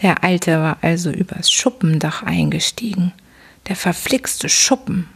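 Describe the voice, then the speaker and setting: A woman hosting a sleep podcast, reading a bedtime story aloud in a soft, slow, whispery voice. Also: fairly low pitch, vocal fry, slightly rough.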